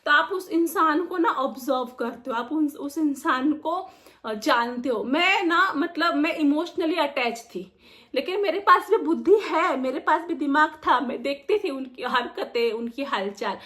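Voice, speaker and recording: Young woman vlogger with a high voice, emotional and venting in casual storytelling. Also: lively intonation, a little slow, fairly bright tone. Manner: emotional, venting, acts out quoted people.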